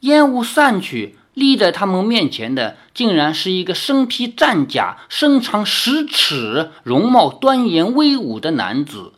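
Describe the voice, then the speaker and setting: A lively storyteller reading a novel aloud in a mid-range voice that rises and falls a great deal. The reading is broken up by casual asides that explain the text. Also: medium pitch, a little slow, few pauses. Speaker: novel reader.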